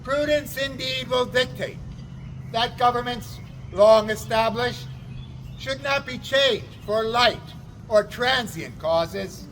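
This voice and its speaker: A man takes on the role of a town crier making a solemn public proclamation. His voice is pitched very high and carries each short phrase with deliberate, declamatory weight. It is recorded outdoors with faint traffic noise behind. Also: fairly bright tone, exaggerated voice, poor audio. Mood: solemn, proclaiming.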